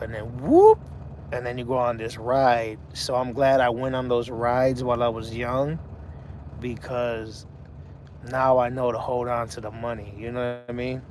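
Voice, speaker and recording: A man's voice: medium pitch, darkish tone, a little hiss or hum. A man in his forties, chatting casually on a livestream and talking to his viewers by name. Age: 40s. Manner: laid-back, talks to chat viewers by name. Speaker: livestream host. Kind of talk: casual live chat.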